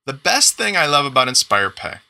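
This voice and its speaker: A man in his forties giving an upbeat, enthusiastic walkthrough of payment software in a screen-recorded tutorial. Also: mid-range voice, sing-song, a little fast, vocal fry. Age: 40s. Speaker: software demo presenter.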